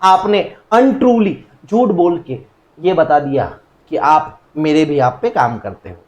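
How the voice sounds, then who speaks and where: A young man with an Indian accent teaching a recorded law lecture in a lively, jokey way, acting out little dialogues between people. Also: fairly high pitch, unhurried, reverberant.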